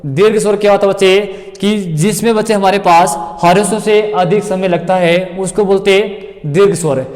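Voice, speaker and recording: A man's voice: sits high, fairly even intonation, normal speed, a little mellow, big-room sound. A man teaching grammar to exam students, explaining in a repetitive classroom way, calling his students kids and often checking if they understood.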